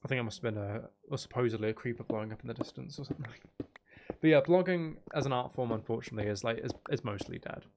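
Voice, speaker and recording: A man with a mid-range voice talks fast over background noise while streaming a game. He chats casually, rambling and hesitating as he thinks out loud in this easygoing livestream commentary.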